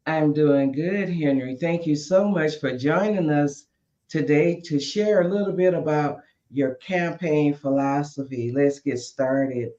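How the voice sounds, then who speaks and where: A man hosting an interview show, reading a formal introduction and questions slowly. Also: on the high side, mellow. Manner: slow and formal. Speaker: host. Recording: dull, echoey room sound.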